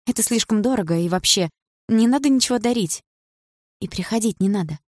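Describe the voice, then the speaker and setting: A woman reading an audiobook, voicing a gentle, frightened young woman student in a soft, pleading voice that rises into cries. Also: mid-range voice, lively intonation, brisk, dry recording, clean studio sound, pitched above the performer's own voice, lightly acted.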